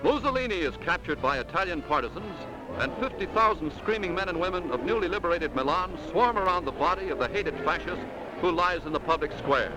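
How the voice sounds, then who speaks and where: Man giving high-pitched 1940s newsreel narration. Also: animated, brisk, poor audio. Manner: dramatic, emphatic announcer delivery. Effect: old 1940s newsreel narration. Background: music score.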